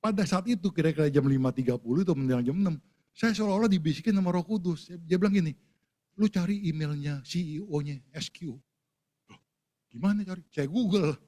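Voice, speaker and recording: An older man, a pastor, telling a personal story, acting out conversations with animated delivery. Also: on the high side, fast talker. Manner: animated storytelling, acting out phone and chat exchanges.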